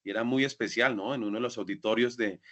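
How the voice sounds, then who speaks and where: A man's voice: medium pitch, steady tone, quick pace, fairly bright tone. Man emceeing an online ceremony. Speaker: master of ceremonies. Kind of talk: formal welcome speech. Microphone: video call.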